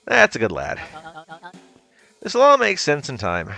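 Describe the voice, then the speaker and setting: A man voicing a scheming, smooth-talking older townsman in a folksy, coaxing manner while reading a story game aloud. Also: a little high, wildly swooping pitch, measured pace, bright, forceful tone, soft background music, pitched above the performer's own voice, exaggerated voice.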